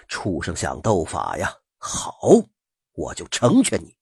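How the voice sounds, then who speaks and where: Guy doing a gruff snake master, husky and deep, bossing snakes around in a folk tale. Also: sing-song, measured pace, darkish tone, no room sound, clean studio sound, heavily acted. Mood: scornful. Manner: stern, commanding, gruff. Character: stern middle-aged male snake-taming master.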